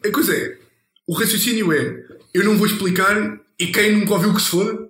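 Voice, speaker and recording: A man's voice: sits high, brisk, fairly bright tone. A man with a European Portuguese accent, blunt and teasing in casual podcast chat, swearing freely. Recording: roomy echo.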